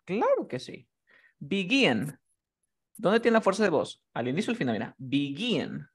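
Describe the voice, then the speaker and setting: A man's voice: high voice, wildly swooping pitch, quick pace, breathy edge. A man teaching a class, explaining rules patiently and often checking that his student has understood. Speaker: English teacher.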